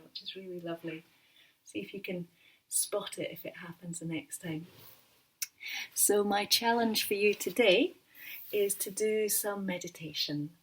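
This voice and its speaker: Gentle English woman yoga teacher. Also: medium pitch, low-quality recording. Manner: soft, reassuring, drops into whispers to show gentleness. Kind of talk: gentle guided yoga instruction.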